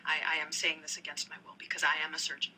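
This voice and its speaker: A flustered woman surgeon in a TV drama, with a very bright, tense voice. She stammers in halting, breathless bursts. Faint noise sits behind the clip. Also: deep voice, completely flat delivery, poor audio. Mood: nervous, reluctant. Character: flustered woman surgeon confessing against her will. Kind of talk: television drama acting.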